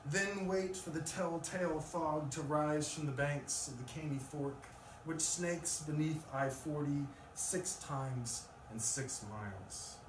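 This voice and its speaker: A poet reads his own work live before an audience in a room, speaking slowly with few pauses in a slightly high voice. The mic is distant, the room echoes, and there is loud noise.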